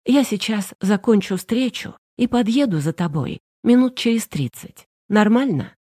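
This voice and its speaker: A woman's voice: medium pitch, animated, unhurried, warm tone, husky, dry recording, studio quality. A woman reader voicing a curt, no-nonsense woman lawyer who gives short commands. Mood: curt, tense.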